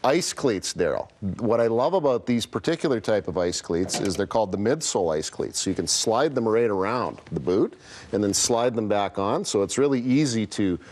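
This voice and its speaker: A man's voice: fairly low pitch, expressive, normal speed, darkish tone, a little hiss or hum. A man showing fishing gear on a morning TV segment, talking eagerly and rambling a little. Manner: eager, rambling product walkthrough.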